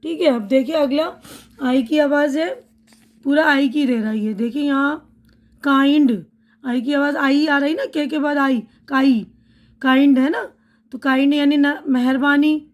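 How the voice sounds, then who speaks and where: A woman's voice: sits high, unhurried. A woman teaching English pronunciation, patiently saying each word and then its meaning. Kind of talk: slow spoken-language lesson.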